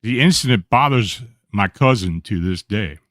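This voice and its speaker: A man hosting a radio show, reading eerie accounts aloud in a steady storytelling voice with small slips and self-corrections. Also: fairly low pitch, normal speed, dry recording.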